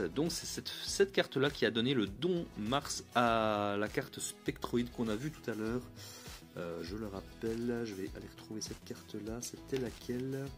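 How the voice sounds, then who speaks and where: A man giving a casual, upbeat card review. He talks in a chatty way, often restarts mid-phrase and chuckles lightly. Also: lowish voice.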